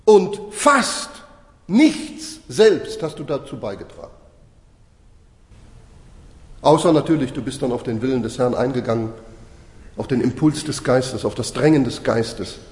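Emphatic preacher in an echoing hall. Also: male voice, mid-range voice, lively intonation. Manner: emphatic, slowing for stress, asks the listeners rhetorical questions. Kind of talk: sermon. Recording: echoey hall with long reverb.

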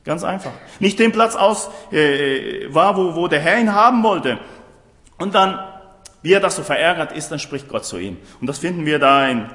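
Emphatic preacher in an echoing hall. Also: male voice, a little high, lively intonation, normal speed, a bit bright. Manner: emphatic, with rhetorical questions to the listeners. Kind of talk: sermon. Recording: roomy hall with long reverb.

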